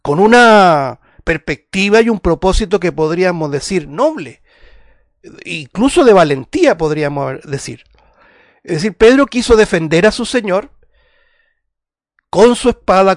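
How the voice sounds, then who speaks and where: High-voiced preacher with dry sound. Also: male voice, animated, measured pace, pauses often, no echo. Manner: earnest, swings between loud emphasis and quiet asides; reads scripture aloud and addresses listeners as brothers. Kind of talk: sermon.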